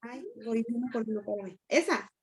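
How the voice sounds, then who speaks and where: A woman's voice: on the high side, fairly quick, a little mellow. A woman teaching an online grammar lesson, explaining patiently and checking in with students often.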